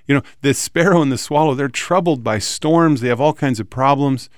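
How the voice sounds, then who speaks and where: A man's voice: medium pitch, normal speed, no room sound, clean studio sound. Enthusiastic male Bible show host. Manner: warmly enthusiastic, quoting scripture. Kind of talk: conversational Bible teaching.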